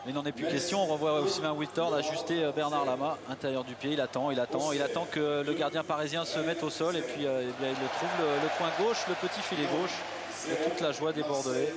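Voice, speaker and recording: A man's voice: a little high, fairly even intonation, fairly quick, a loud crowd. A man giving analytical football commentary, hesitating and repeating words as he explains the play. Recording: very noisy stadium broadcast. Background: loud stadium ambience.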